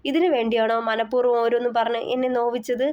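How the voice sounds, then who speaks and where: A woman's voice: fairly high pitch, flat delivery, quick pace, a little mellow, lightly acted. A woman voicing an anguished young wife who pleads and prays for her husband, on a slightly dull recording. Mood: pleading.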